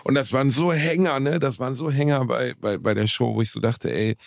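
A man's voice: mid-range voice, brisk, gravelly, no echo, clean studio sound. A man in his thirties co-hosting a podcast, mocking himself with crude, exaggerated jokes. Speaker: podcast co-host. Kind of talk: casual chat.

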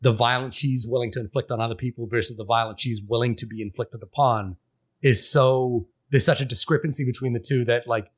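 A man's voice: medium pitch, fairly even intonation, brisk. A man from Fiji, a podcast co-host, talking through a film in casual, rambling chat full of restarts and fillers.

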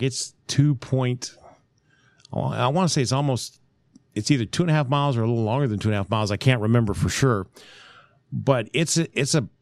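A man co-hosting a casual sports podcast, rambling with many restarts and pauses to recall names. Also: medium pitch, no echo. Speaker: podcast co-host.

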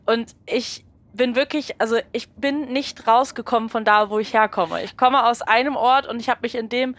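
A woman's voice: fairly high pitch, normal speed, fairly bright tone. Talkative woman from Berlin hosting. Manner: talkative, chatty, lots of affirming "ja". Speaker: podcast host. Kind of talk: casual conversation. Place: on a train.

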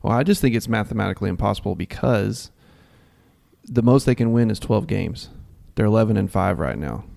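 A man co-hosting a sports podcast, chatting casually and breaking into animated, mocking jokes. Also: brisk, gravelly. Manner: animated, mocking, jumps high when joking. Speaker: podcast co-host.

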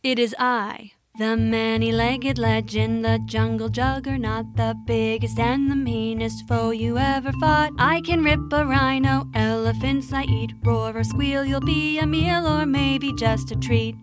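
A woman voicing a boastful monster in a cave, chanting slow rhyming threats. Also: fairly high pitch, steady tone, music in the background.

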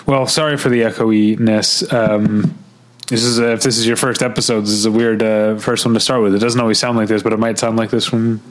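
A man's voice: on the low side, flat delivery, a little fast. A man, chatting casually as a podcast co-host. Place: new home room with bare walls.

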